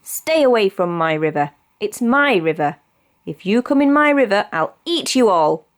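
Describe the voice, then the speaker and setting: A woman's voice: mid-range voice, very animated, moderate pace, natural voice. Woman voicing an emphatic big British storybook crocodile. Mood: possessive, threatening. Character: big selfish male crocodile, snappy, later grateful. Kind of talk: children's storybook character voice.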